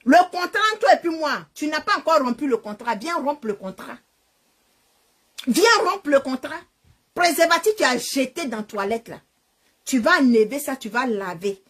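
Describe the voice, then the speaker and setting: A woman with a high voice speaks into her phone camera during a livestream. She rants angrily at a rival, taunting her and throwing insults in a confrontational tone. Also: breathy edge. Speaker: social media live streamer. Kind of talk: angry insult-filled rant to a phone. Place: living in Canada.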